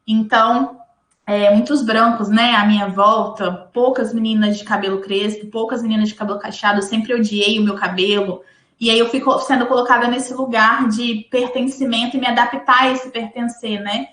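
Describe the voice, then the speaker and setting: A woman from in Brazil, speaking reflectively and in an even tone as a panelist in a live discussion. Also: a little high, moderate pace, roomy sound. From Espírito Santo, Brazil.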